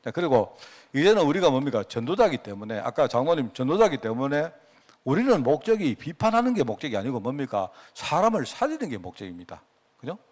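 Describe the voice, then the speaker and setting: A man's voice: mid-range voice, sing-song, a little fast. A middle-aged man with a Gyeongsang accent, preaching a sermon as pastor in a folksy, conversational way and often asking his listeners to agree. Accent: Gyeongsang Korean.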